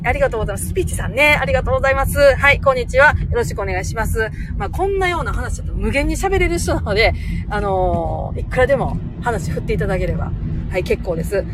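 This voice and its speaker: Reading comments on an unscripted livestream, this middle-aged Kansai-accented host, Osaka-born and Nara-raised, rattles along in fast, chatty bursts. She has a fairly high voice, and the background is noisy.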